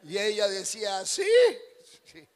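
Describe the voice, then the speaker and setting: A middle-aged man, a pastor preaching a joking wedding sermon as an animated storyteller who bursts into shouts. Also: sits high, moderate pace. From Ecuador.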